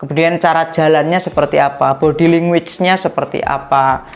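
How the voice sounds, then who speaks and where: Low gravelly-voiced woman teaching. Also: moderate pace. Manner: acts out sample dialogues with rising lively pitch. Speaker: youth coaching trainer. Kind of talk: instructional talk with role-play examples.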